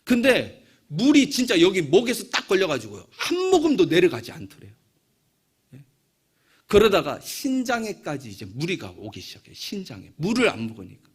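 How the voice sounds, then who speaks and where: A male pastor telling a story in a sermon, dropping to hushed asides and rising into fervent prayer. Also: high-pitched, huge pitch swings, moderate pace, slightly rough.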